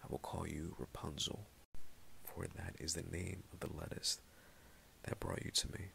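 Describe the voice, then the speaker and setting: A man voicing a cruel, bossy old witch in a bedtime story, with a very deep, gravelly voice. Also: level tone, moderate pace, pushed and bright, a little hiss or hum, full character voice. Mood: cold scolding. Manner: cold, bossy commands.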